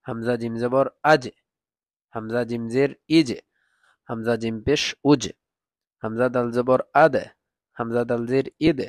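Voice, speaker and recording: A man teaching Quran reading, drilling letter sounds slowly and patiently. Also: medium pitch, no room sound. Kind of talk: recitation lesson, spelling out letters.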